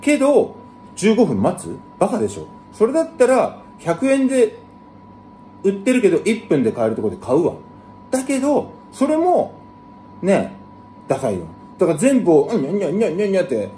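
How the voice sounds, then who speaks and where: A man hosting his own channel, talking bluntly in rough, slangy casual speech and explaining things to viewers. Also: huge pitch swings, normal speed, mellow, a little hiss or hum. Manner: blunt, rough slangy talk with big jumps in pitch. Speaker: channel host. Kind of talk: casual monologue to camera.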